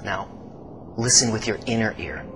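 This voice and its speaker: A man giving slow, scripted documentary-style narration, swinging between hushed low passages and emphatic rises. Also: over music, low-quality recording. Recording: steady background hiss.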